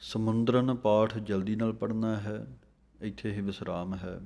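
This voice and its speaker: A man with a Punjabi accent teaches scripture recitation at a very slow, deliberate pace. He chants each verse carefully, word by word, then explains how to pronounce it and where to pause. His voice is low and mellow. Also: flat delivery, gravelly.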